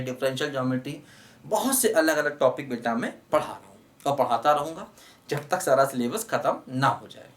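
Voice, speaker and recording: Teaching maths to students online, a man with a fairly high voice takes a fatherly tone, calling them children and repeatedly urging them to look and pay attention. The mic sits at a distance, giving the recording a roomy echo.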